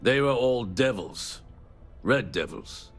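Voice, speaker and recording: An actor playing a cold, smug trade company manager in a video game, delivering measured villain-like monologue in formal tones. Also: male voice, medium pitch, lively intonation, faint music behind. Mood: cold, dismissive.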